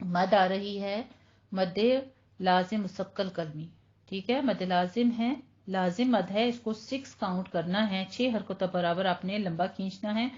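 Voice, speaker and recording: A woman teaching a Quran recitation lesson. She patiently explains each pronunciation rule and then slowly recites the Arabic words herself. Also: medium pitch, a little mellow, highs cut off. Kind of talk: online tajweed lesson.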